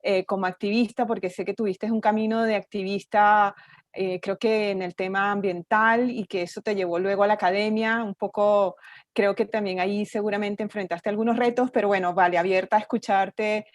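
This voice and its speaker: A woman's voice: mid-range voice, fairly even intonation, normal speed, no room sound, studio quality. A woman moderating an online panel, asking questions courteously and hesitantly.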